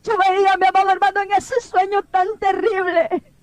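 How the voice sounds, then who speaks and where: A woman's voice: extremely high pitch, monotone, moderate pace, no echo, rough recording. A woman preacher earnestly recounting a dream as an emotional testimony, pleading and often close to tears.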